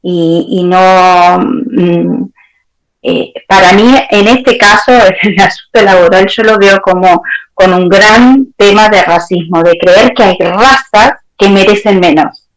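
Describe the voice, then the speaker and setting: Brief: woman therapist, mid pitch, thoughtful and unhurried as a guest. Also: poor audio. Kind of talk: interview answers.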